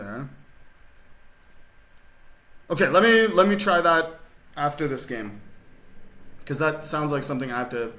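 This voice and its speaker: Streaming a chess game from his home in the rural desert, a man casually chats with his audience, rambling along with plenty of fillers and restarts. His mid-range voice has a fairly bright tone, and the room gives it an echo.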